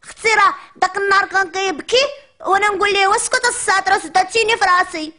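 A woman's voice: very high voice, steady tone, racing, sharp tone. A woman with a Moroccan accent playing a chatty, cheeky little preschool girl in a comic monologue, complaining in a whiny childish chatter.

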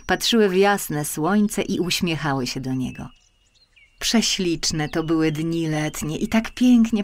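This audiobook reader is a woman with a low-pitched voice, narrating a children's fairy tale over music in an expressive, deliberate way.

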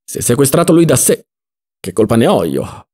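A man reading an audiobook, voicing an irascible rich landowner in a loud, indignant voice. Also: medium pitch, big pitch swings, normal speed, breathy edge. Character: irascible rich male landowner, quick to shout.

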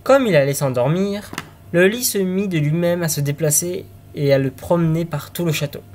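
A man's voice: fairly high pitch, moderate pace, darkish tone, a little hiss or hum. A man reading a fairy tale aloud, now and then stumbling and restarting words. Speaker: storyteller.

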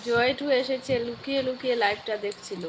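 A woman with a sore, hoarse throat, chatting live with viewers and asking warmly after them. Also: fairly high pitch, fairly even intonation, fairly quick, background noise. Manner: caring, asks viewers how they are. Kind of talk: casual live chat reading viewer comments.

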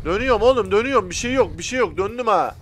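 A man hosting a gaming video, chatting to viewers in casual commentary, excitable and profane as he shouts at other drivers. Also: high-pitched, very fast, slight background noise. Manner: talks directly to viewers.

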